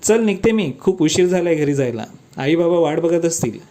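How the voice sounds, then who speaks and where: A man's voice: a little high, animated, moderate pace, mellow, lightly acted. A man voicing a cheerful, pampered young woman in love, who talks in a playful, affectionate, teasing way.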